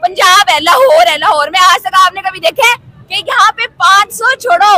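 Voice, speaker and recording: A young Pakistani-accented woman speaks up in a street interview, insistent and lecturing as she presses her point. Her voice sits very high and sounds bright and sharp. A light murmur of people and faint traffic noise carries behind her outdoors. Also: moderate pace, some chatter behind. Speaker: interviewee, student.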